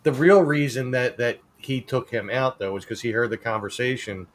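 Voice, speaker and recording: A man's voice: mid-range voice, moderate pace, slight background noise. A man in his fifties with a Philadelphia accent, chatting casually as a podcast co-host over a video call, trailing off at the ends of his lines. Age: 50s. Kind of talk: casual chat.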